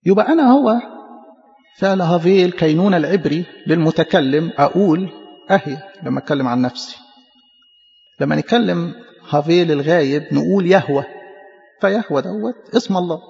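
High, fast Egyptian preacher, gravelly. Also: male voice, darkish tone, faint music behind. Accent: Egyptian Arabic. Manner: emphatic, explanatory, stammers on repeats. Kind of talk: sermon teaching. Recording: echoey hall, muffled lo-fi.

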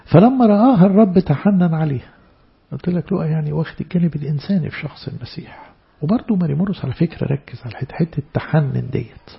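A man with an Egyptian Arabic accent preaching a church sermon, stressing words loudly and then dropping into soft asides. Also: on the high side, lively intonation, fast talker, vocal fry, husky, muffled recording. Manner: emphatic, swinging between loud stresses and soft asides.

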